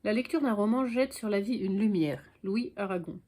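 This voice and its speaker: A woman's voice: mid-range voice, moderate pace, mellow. A woman book vlogger chatting frankly to the camera at home, with dry little asides. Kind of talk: casual chat to camera.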